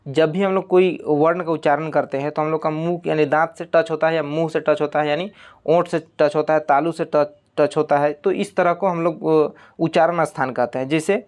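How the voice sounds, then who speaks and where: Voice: mid-range voice, darkish tone. Patient teacher. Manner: patient, repetitive, step-by-step explaining with frequent check-ins. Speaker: exam-prep teacher. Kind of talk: recorded online exam-prep lesson.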